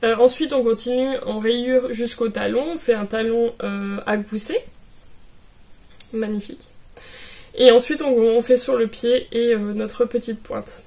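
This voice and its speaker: A woman's voice: a little high, steady tone, measured pace, mellow. A woman chatting casually in a knitting vlog, talking to viewers with many fillers and restarts. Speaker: knitting vlogger.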